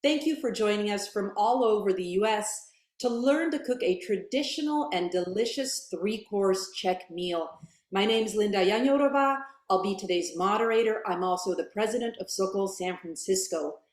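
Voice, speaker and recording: A woman in her thirties moderating a virtual cooking class on a video call, upbeat and friendly, from a bright home kitchen. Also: medium pitch, normal speed, echoey room.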